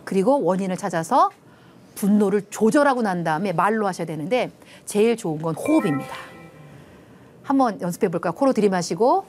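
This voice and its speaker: Animated woman lecturing on family talk. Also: mid-range voice, a little hiss or hum. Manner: animated, acts out quotes in lively voices. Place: television studio with panel.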